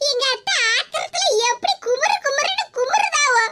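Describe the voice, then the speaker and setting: A voice actor playing a cunning young daughter-in-law in a cartoon, sly and teasing. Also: female voice, very high-pitched, expressive. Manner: sly and teasing, drawn-out mocking words. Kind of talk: cartoon voice acting. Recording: loud background hiss.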